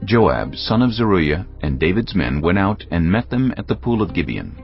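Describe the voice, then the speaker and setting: A very animated male narrator performs a scripted, dramatized Bible reading at normal speed, his very low, gravelly voice rising and falling expressively. The recording is slightly dull, with faint music playing underneath.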